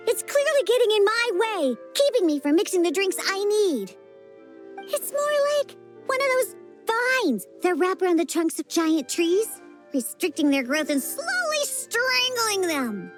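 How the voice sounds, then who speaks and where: A grumpy little girl for a video game. The voice is very high and swings animatedly, pouty and suspicious, with music faintly behind it. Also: measured pace, exaggerated voice. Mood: complaining. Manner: pouty, complaining, expressive. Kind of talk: video game character dialogue.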